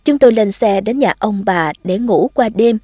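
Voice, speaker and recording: A woman narrating a first-person story in a calm, expressive reading. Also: medium pitch, normal speed, no room sound, clean studio sound.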